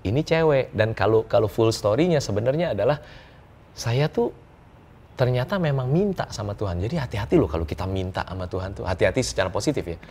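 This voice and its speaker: Low-voiced joking business coach. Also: male voice, fast, slightly rough. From Indonesia. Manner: lively, joking storyteller who chuckles often and slips in English words. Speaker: business coach, interview guest. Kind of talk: casual interview storytelling.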